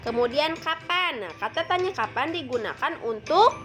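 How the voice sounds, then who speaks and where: A woman's voice: high voice, lively intonation, moderate pace, a bit bright, soft background music. A woman teacher giving a patient lesson to second graders, explaining step by step with frequent fillers.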